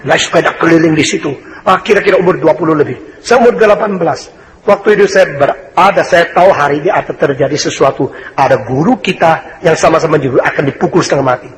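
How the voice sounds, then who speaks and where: A man's voice: a little high, fast, slight background noise, low-quality recording. An older man preaching a sermon, telling a personal story with emphatic repeated addresses to the congregation. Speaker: pastor.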